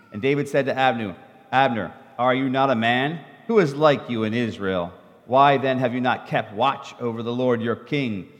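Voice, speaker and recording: A man reads scripture from the pulpit at an even, measured pace. His voice sits in a middle register. It rings out through a church hall with a long reverb. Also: medium pitch. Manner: measured Bible reading that rises in the quoted speech. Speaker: preacher. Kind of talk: sermon with scripture reading, paused for an interpreter.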